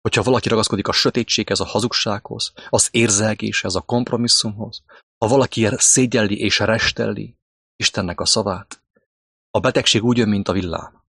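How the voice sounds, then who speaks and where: A man preaching a fiery monologue, crude and scolding, repeating himself and breaking into sudden high outbursts. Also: steady tone, a bit bright, slightly rough, no echo, studio quality.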